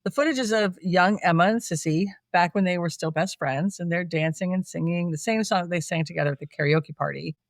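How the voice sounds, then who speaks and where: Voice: medium pitch, no echo. Chatty film-recap co-host, mid-range voice, dry close mic, laughs a lot. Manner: chatty, laughs often, animated asides. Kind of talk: casual film recap chat.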